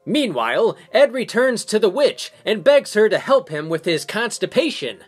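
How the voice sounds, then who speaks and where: Reviewer, man, sarcastic recap narration, lively pitch, faint music. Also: moderate pace, breathy edge. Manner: sarcastic, joking asides. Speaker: movie reviewer. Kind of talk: comedic film recap narration.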